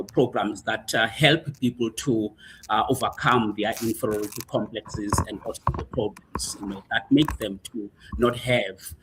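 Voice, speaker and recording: Husky-voiced South African man, guest coach. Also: fairly low pitch, a bit bright. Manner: hesitant, many fillers, thoughtful. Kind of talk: casual interview.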